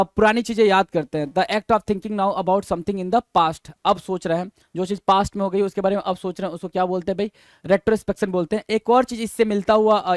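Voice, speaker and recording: High-voiced man teaching vocabulary. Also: dry recording. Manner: quizzes students with repeated questions, spells words letter by letter; reads English definitions slowly, then explains in Hindi. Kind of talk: exam-prep vocabulary lesson.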